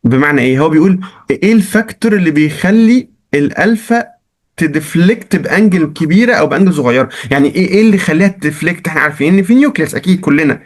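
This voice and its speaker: Fast-talking Egyptian chemistry teacher. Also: male voice, fairly high pitch. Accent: Egyptian Arabic. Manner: lively, joking, coaxing the class with questions; mixes English science terms into Arabic. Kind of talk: recorded exam-review lesson.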